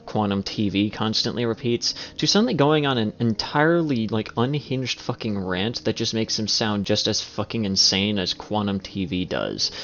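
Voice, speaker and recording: A man's voice: on the low side, fairly bright tone. A man giving wordy reaction commentary as a video host, sarcastic, exasperated and given to swearing. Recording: dull lo-fi, faint music behind.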